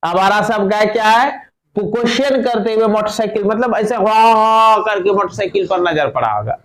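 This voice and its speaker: A man teaching a class, explaining an English textbook passage in Hindi. He reads English phrases slowly, then explains them quickly, checking with the students. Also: high-pitched, fairly bright tone.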